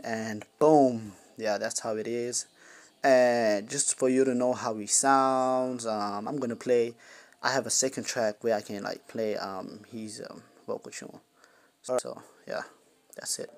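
A man's voice: medium pitch, darkish tone. A young man hosting a casual music-app tutorial, rambling with lots of fillers and slang. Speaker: music production tutorial host. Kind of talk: casual screen-recorded tutorial.

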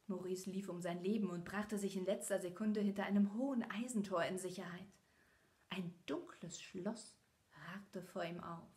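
A woman's voice: mid-range voice, moderate pace, a little mellow. A woman reading a storybook aloud to children, often dropping to a whisper for suspense and talking directly to her young listeners. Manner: talks directly to children between passages. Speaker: children's book reader.

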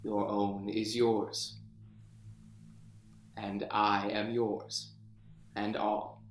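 A man's voice: fairly low pitch, little pitch movement, a little hiss or hum. An actor playing a proud, wounded, deposed king in a declamatory Shakespearean reading. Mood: resigned. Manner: declamatory, deliberate. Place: indoors, remote video call. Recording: roomy, echoing home recording.

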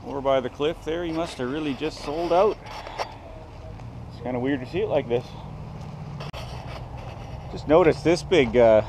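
A man in his forties giving relaxed, musing commentary to a handheld action camera as he walks around an outdoor swap meet. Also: fairly high pitch, rough recording. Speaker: vlogger. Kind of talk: casual walk-around commentary. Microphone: action camera carried by hand. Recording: outdoor noise around the mic.

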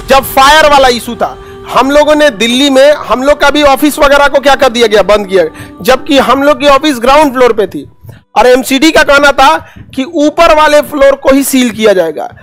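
A Bihari-accented coaching teacher in his thirties delivers an informal classroom lecture with commentary, standing at a presentation board in an indoor classroom studio. His voice is extremely high and fairly bright, and he teaches in a sarcastic, colloquial style packed with rhetorical questions.

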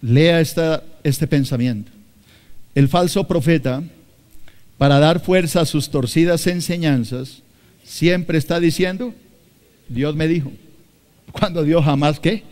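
With a measured pace and a slightly high, somewhat mellow voice, this Colombian pastor, whose Spanish has a Bogotá accent, preaches emphatically. He repeats phrases and speaks directly to his congregation.

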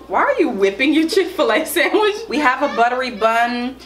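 A woman hosting a casual food review, chatty and lively, laughing often. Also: high voice, normal speed, roomy sound, crowd noise. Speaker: food vlogger host.

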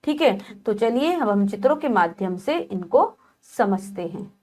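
A woman teaching a children's lesson, slowly spelling out letters one by one and checking in often with "okay". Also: medium pitch, expressive, darkish tone. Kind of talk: textbook lesson explaining Sanskrit vowel signs to children.

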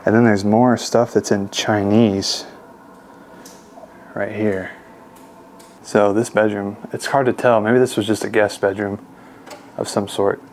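A young man with a fairly low voice narrates as he walks through a big empty house, speaking casually and with excitement to his viewers. His handheld camera mic catches a faint hum of room ambience behind him. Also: a little slow, pauses often. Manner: excited, addresses viewers as guys. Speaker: urban explorer vlogger. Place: large empty mansion indoors.

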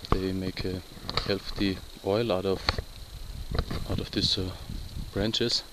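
A man in his thirties with a German accent, hosting a bushcraft vlog on a mountain, speaking slow, simple English. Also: deep voice, level tone. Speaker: bushcraft channel host. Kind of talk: outdoor vlog narration. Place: outdoors on a mountain. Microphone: handheld camera mic. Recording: loud outdoor noise on camera mic.

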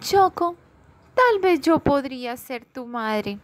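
Lady doing a sweet mama bear from a storybook, soft and gentle, slow and high. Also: lively intonation. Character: kind motherly bear, gentle and caring.

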